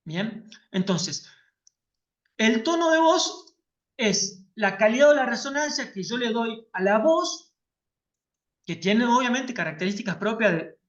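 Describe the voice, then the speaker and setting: Woman teaching over a lo-fi call. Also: a little high. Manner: explanatory, checks in with students often. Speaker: workshop teacher. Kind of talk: online class lecture. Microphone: video call. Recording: lo-fi video call audio.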